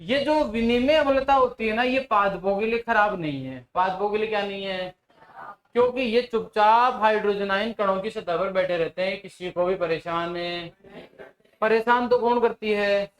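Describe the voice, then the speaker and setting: A man's voice: high-pitched, a bit bright, roomy sound, poor audio. A male agriculture teacher gives a classroom lecture, repeating questions back to his students and teasing them.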